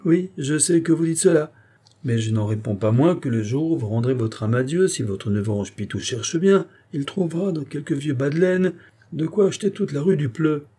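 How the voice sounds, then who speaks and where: Guy doing a mocking old priest, higher voice, teasing and loud. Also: expressive, normal speed, husky. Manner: teasing, bantering.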